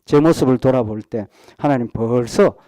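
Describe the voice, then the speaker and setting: A male pastor giving an earnest Sunday sermon. He asks the congregation rhetorical questions and often pauses on short fillers. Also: mid-range voice, dark tone, dry recording, clean studio sound. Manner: frequent hesitation fillers.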